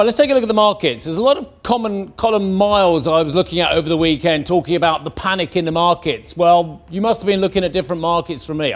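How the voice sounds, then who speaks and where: A man presents the news in a brisk, assured way, with a fairly high voice. He adds quick conversational asides between items.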